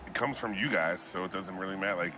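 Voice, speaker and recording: A man's voice: low voice, quick pace, noisy background. A man giving casual live play-by-play of a video game tournament, with teasing banter. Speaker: esports commentator.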